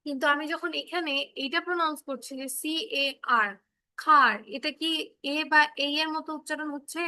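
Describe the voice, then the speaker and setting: An English teacher runs an online phonics class for kids in a high, bright voice with no echo. She is patient, repeating points and checking that the children understand.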